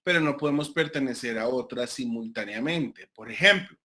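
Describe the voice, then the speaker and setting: A man from Colombia with a Colombian accent, giving an online class as a lecturer, talking deliberately with many fillers and restarts. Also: medium pitch, bright, forceful tone. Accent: Colombian Spanish. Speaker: university lecturer.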